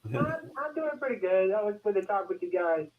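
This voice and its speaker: A man's voice: sits high, big pitch swings, fairly quick, crowd noise. A man calling in to a podcast over a phone line, hesitant and correcting himself as he asks his question. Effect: tinny phone line. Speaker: caller. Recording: tinny phone-line call.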